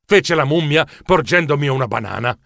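A man narrating a children's story in an animated, expressive way. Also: on the high side, normal speed, creaky. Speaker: audiobook narrator.

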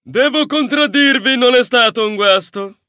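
A man's voice: very high voice, unhurried, sharp tone, dry recording, studio quality, pitched above the performer's own voice, heavily acted. A man voicing a stern male mouse technician in an audiobook, firm and declaring. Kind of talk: audiobook character voice.

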